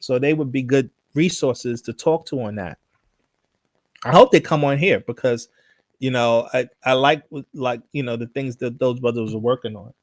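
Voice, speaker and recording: A man hosting a live stream, teaching and answering viewer questions, often repeating himself and slowly chanting invocations. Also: medium pitch, dry recording. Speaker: host of a live religious show.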